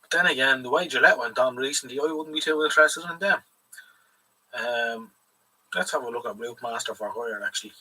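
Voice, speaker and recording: Talking a little fast in a medium-pitched, pushed and bright voice, an Irish livestream host rambles through casual chat with plenty of swearing. He's a bit far from the microphone.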